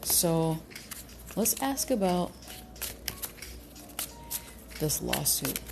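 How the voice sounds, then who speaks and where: A woman with a slightly low voice talks her viewers through a casual tarot reading. She speaks haltingly, with frequent fillers, restarts and cautious hedging. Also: very animated, gravelly, background noise. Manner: cautious, hedging with repeated qualifiers. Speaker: tarot reader.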